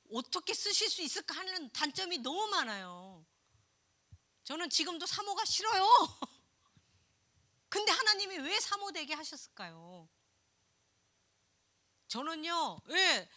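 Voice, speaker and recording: Lively, bright-voiced woman preaching. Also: high-pitched. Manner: lively and expressive, acting out quoted voices, laughing often. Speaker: pastor's wife preaching. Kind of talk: sermon. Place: church sanctuary.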